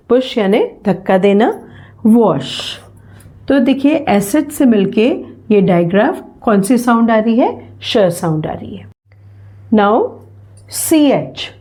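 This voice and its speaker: A woman teacher giving a bilingual phonetics lesson, slowly saying each word again and again. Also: a little high, warm tone. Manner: slow, repeats each word aloud.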